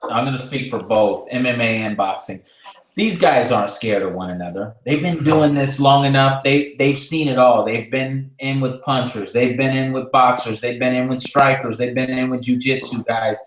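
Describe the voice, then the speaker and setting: A man co-hosting a live boxing talk show, breaking down fights in a measured, analytical way with frequent fillers. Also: mid-range voice. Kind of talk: casual live-stream discussion. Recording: echoey room.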